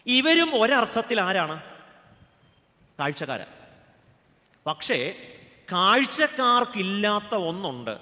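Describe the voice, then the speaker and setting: High, bright-voiced Keralan pastor preaching. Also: male voice, sing-song, takes it slowly, long pauses, in a large hall. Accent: Keralan Malayalam. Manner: joking, asks the audience questions. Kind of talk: humorous sermon.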